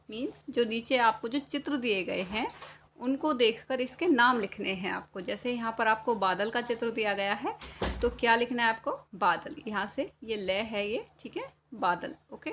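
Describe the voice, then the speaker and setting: A woman's voice: a little high, fairly bright tone, a little hiss or hum. A woman teacher explaining a children's Hindi workbook, asking questions and answering them herself. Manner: slow, patient, asks and answers her own questions.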